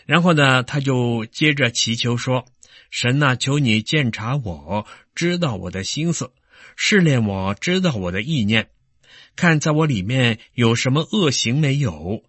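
A man preaching a sermon in an earnest teaching tone, slowing down when he reads scripture. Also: medium pitch, lively intonation, fairly bright tone, breathy edge, no echo.

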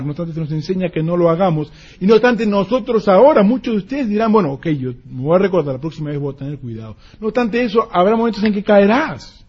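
A man preaching a sermon with a high, husky voice, swinging between loud declarations and hushed, confiding stretches. He acts out little scenes of parents and children as he goes. The sound is muffled, like an old radio broadcast. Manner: animated, acts out parents and children in quick asides.

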